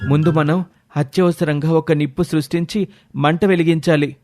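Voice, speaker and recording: A man's voice: fairly high pitch, steady tone, normal speed, a little mellow, soft background music, close to an everyday voice. Man voicing a loyal young hero, slightly raised voice, urgent, calling out, determined, cartoon story. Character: brave, loyal young man searching for his friend. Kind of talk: animated storybook voice acting.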